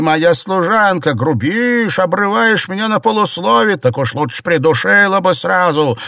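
A man voicing a bitter, quarrelsome young wife who shouts shrill complaints. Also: creaky, no echo, clean studio sound.

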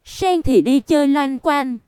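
A woman narrating a storybook in an even, unhurried reading that voices the punctuation aloud. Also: high voice, no echo, studio quality.

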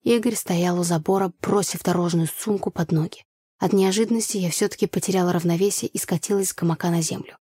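A woman narrating a first-person audiobook story with an even, storytelling delivery. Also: on the low side, quick pace, husky, no room sound, clean studio sound.

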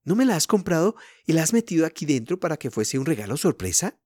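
A man voicing an excited little girl on her birthday, with breathless, pleading exclamations. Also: a little high, quick pace, no room sound, voice pushed up.

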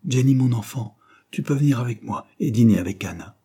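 A man reading aloud voices a calm, kindly older woman who speaks in a soothing, measured way. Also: medium pitch, breathy edge, voice pushed up.

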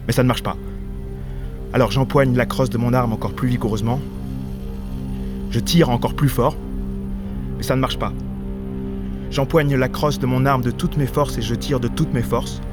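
Male actor as a cold gunman: flat, insistent stage monologue, ordinary pitch, faint music behind. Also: normal speed, long pauses, close to an everyday voice. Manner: flat, insistent repetition, shouts quoted lines. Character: armed man recounting a killing, cold. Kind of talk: theatrical monologue.

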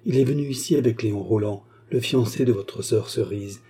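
A troubled young man murmurs hesitantly, read by a man. The voice is dark and mellow, with a slight huskiness. It has the plain feel of an audiobook character. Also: fairly low pitch, a little fast, husky.

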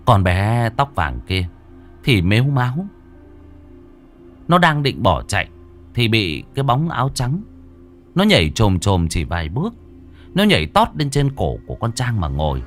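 A man tells a gruesome village ghost story with theatrical relish. His voice sits low but rises and falls dramatically, and soft music plays faintly behind him. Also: sing-song, unhurried, long pauses. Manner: vivid, gory, theatrical delivery.

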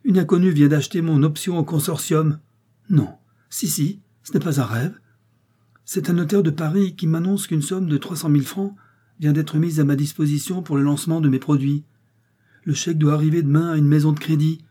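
A man reading aloud and voicing an excitable, portly middle-aged pharmacist who speaks in effusive exclamations. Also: fairly high pitch, brisk, slightly rough, pitched above the performer's own voice. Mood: elated.

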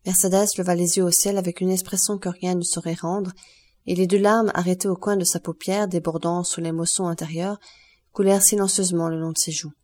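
A woman narrating a classic novel as an audiobook in a calm, measured way. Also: fairly low pitch. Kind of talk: scripted narration.

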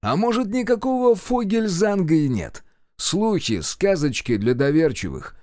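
A man's voice: high-pitched, big pitch swings, unhurried, darkish tone, no room sound, clean studio sound, voice pushed up. A man voicing a blunt, stubborn male partisan commander in an audiobook. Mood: stern. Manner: blunt, gruff.

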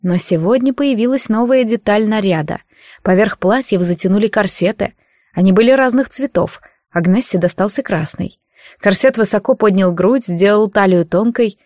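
A woman reading a fantasy novel aloud as an audiobook narrator, with expressive storytelling. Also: medium pitch, moderate pace, no echo, studio quality. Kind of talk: scripted narration.

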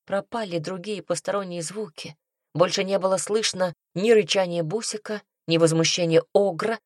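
A woman reading a first-person audiobook, telling the story in a lively, ironic way. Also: lowish voice, moderate pace, dry recording, clean studio sound. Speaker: audiobook narrator.

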